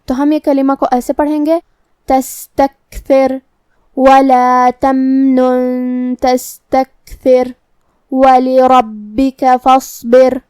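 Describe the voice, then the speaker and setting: High-voiced woman teaching Quran recitation. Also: darkish tone, no echo, clean studio sound. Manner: methodical step-by-step explanation with drawn-out recitation. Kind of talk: tajweed lesson, explaining then reciting slowly.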